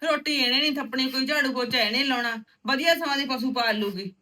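A woman playing a sharp-tongued village mother. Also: high voice, brisk. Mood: sharp, meddling. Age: middle-aged. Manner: sharp-tongued, meddling, stubborn. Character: meddling outspoken middle-aged village mother. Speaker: visiting mother of a married daughter. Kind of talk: rural village drama acting.

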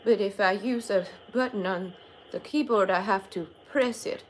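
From a small furnished bedroom, a young woman improvises a prank call as an old woman who is confused and literal-minded, hesitant and puzzled. She speaks in her natural mid-range voice at a normal speed. The recording is low quality with a little hiss or hum.

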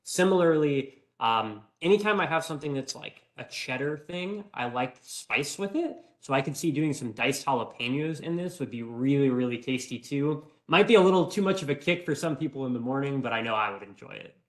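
A man's voice: medium pitch, animated, brisk, hardly any pauses. Chatty young man demoing a recipe. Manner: friendly, chatty, answers viewer questions. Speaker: cooking demonstrator. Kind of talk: live cooking demonstration. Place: small home kitchen, indoors. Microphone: fixed camera at medium distance.

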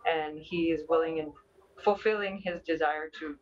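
A woman's voice: low-pitched, fairly even intonation, moderate pace. A young woman answering interview questions conversationally, hesitant and often repeating her words. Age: young adult. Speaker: interview guest, dog team owner. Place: large busy indoor meeting hall. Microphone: video call. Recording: muffled video call, distant microphone.

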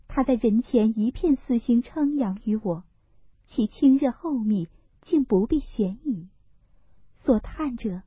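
A woman doing Lin Daiyu, a frail, breathy young noblewoman. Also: on the high side, dry recording, voice pushed up, full character voice. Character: frail, sensitive young noblewoman, sharp-tongued and melancholy. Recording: dull, lo-fi, dry recording.

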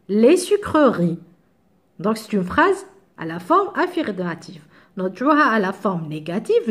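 Speaking in a slightly high voice, a woman with an Algerian accent walks middle-school students through French grammar step by step, using examples and shifting into Arabic when something needs clarifying.

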